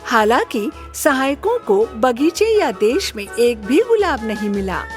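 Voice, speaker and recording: A woman narrating a children's fairy tale in a gentle storybook manner. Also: on the high side, very animated, unhurried. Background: soft music.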